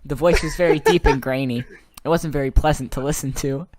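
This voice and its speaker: A man's voice: fairly high pitch, steady tone, brisk, darkish tone. A man reading his own story aloud, often breaking into giggles.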